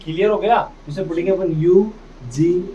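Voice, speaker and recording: In a classroom, a man teaches English reading, sounding out words and drilling pronunciation while asking his students questions he then answers himself. His voice sits high, with a dark tone and a moderate pace. The phonics lesson comes through a distant, dull mic with faint noise.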